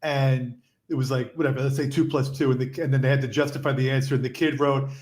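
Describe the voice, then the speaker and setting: A man co-hosting a podcast, asking long, rambling questions in a relaxed, casual way. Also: mid-range voice, fast talker. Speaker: co-host. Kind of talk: casual interview chat.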